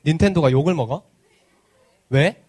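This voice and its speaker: A man with a fairly high, slightly mellow voice and a breathy edge gives an interactive children's sermon at church, speaking at normal speed. As children's pastor, he playfully teases the kids and asks them many questions.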